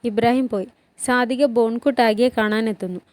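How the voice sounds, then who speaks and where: Woman narrating drama, mellow and dry. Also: a little high, fairly even intonation, moderate pace, no room sound. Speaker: storyteller retelling a TV series. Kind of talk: storytelling narration with voiced dialogue.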